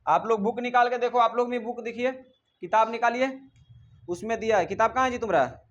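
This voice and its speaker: High-voiced guy teaching chemistry, keeps asking the class questions and scolds them. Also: fairly quick, highs cut off. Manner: drills students with repeated questions, scolds them.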